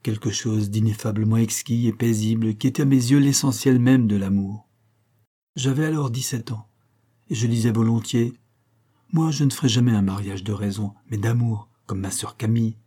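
A man's voice: lowish voice, moderate pace, dark tone, breathy edge. A man voicing a prim, unmarried schoolteacher aunt who confides an old secret with earnest feeling, in a read-aloud story. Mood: impassioned confiding.

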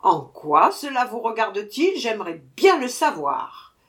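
A woman voicing an irascible tiny bearded male dwarf who shouts his demands in a storybook reading. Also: high-pitched, lively intonation, measured pace, voice pushed up. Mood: indignant.

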